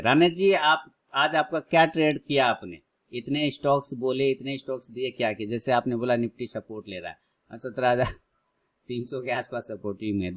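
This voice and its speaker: A man in his thirties hosting a live trading stream, chatting casually with viewers and loudly urging prices on. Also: medium pitch. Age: 30s. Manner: excitedly cheers prices on, then chats calmly with viewers.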